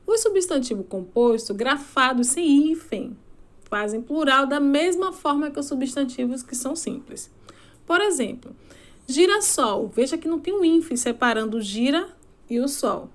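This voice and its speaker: A woman, teaching a recorded grammar lesson and stretching out each example word slowly. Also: high voice. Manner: slow, deliberate, stretching out example words.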